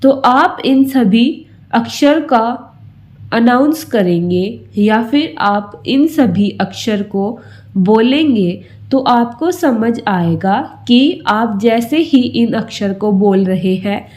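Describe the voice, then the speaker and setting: A woman teacher giving an alphabet lesson, sounding out syllables one at a time with slow, careful delivery. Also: fairly high pitch, animated, a little mellow.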